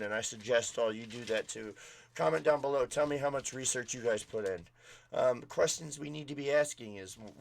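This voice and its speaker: A man's voice: medium pitch, slight background noise. A man hosting a casual political commentary vlog, rambling with many fillers and restarts.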